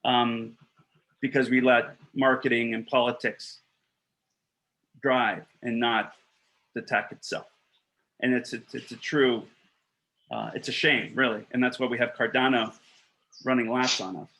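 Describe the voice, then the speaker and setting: An earnest, blunt man in his thirties makes his case over a webcam call from a small room. His voice sits mid-range with a flat, even pitch line. He restarts phrases and leans on "um" and "uh" between points. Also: a little slow, long pauses, low-quality recording. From Costa Rica. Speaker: block producer candidate. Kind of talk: election pitch on a video call. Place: small room with wooden shelves, indoors. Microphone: webcam on a video call.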